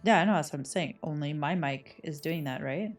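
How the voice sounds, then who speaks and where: A lowish woman's voice comes through a hollow, tin-can sounding mic, a little off from it, with game music faint behind. She chats casually while playing, giggling easily. The echoing metal tinniness colours every word. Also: fairly quick, far from the mic. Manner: giggly, hums to herself. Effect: tinny, echoing mic, like inside a tin can. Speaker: streamer playing a video game. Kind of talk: casual chat while gaming.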